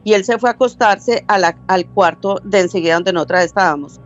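A woman's voice: mid-range voice, fairly quick, dull audio, faint music behind. An older woman with a Colombian accent from Medellín, telling a story as a caller in a rambling way and acting out quoted lines. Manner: rambling, self-correcting, acts out quoted dialogue. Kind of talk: casual storytelling.

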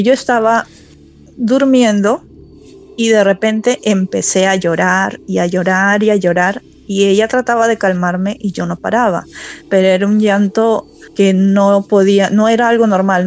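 A woman in her forties with a Peruvian accent, calling in to tell a true story in a soft, halting way with many fillers. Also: mid-range voice, muffled recording. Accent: Peruvian Spanish. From Peru. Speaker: caller telling a true story. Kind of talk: personal storytelling on a call.

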